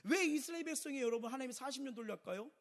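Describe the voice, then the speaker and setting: A middle-aged man delivers a Sunday sermon in a high, very animated voice that swings up and down as he presses his points. He asks rhetorical questions and repeats key lines. The sound has a gravelly edge and carries the long reverb of a church sanctuary. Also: rapid-fire. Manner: emphatic preaching with rhetorical questions and repetition. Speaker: pastor.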